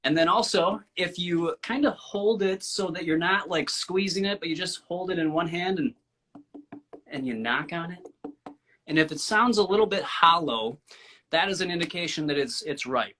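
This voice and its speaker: An easygoing man with a bright, forceful voice. He explains things calmly and hesitantly, filling the pauses with small words. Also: high voice, slight background noise. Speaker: co-host. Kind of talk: casual chat.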